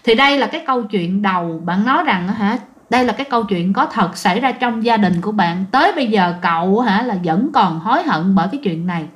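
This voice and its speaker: A woman's voice: medium pitch, expressive, quick pace. A woman casually tells ghost stories to her listeners. She tells them dramatically and repeats words for emphasis. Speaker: storyteller.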